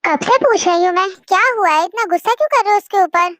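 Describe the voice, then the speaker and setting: A high voice doing a nagging mother. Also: fast talker, fairly bright tone, no echo, studio quality. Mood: reproachful. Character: busy scolding middle-aged mother. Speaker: mother figure in a family drama. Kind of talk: fan audio drama.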